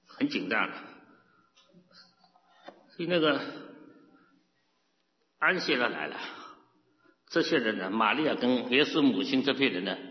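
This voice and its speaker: A male pastor preaching a sermon, animated, asking the listeners questions and laughing often. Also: mid-range voice. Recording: echoey hall, dull lo-fi sound.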